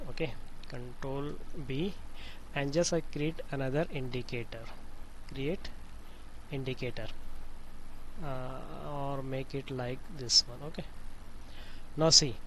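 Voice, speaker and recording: Slow-talking man. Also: mid-range voice, fairly bright tone, a little hiss or hum, poor audio. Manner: halting and repetitive, non-native phrasing. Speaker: tutorial presenter. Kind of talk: informal software tutorial.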